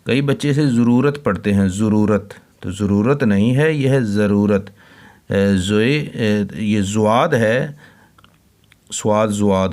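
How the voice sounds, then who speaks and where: Very slow and deliberate, an Urdu teacher's lowish, darkish voice leads children in reading. He spells each word one letter at a time and then repeats it twice.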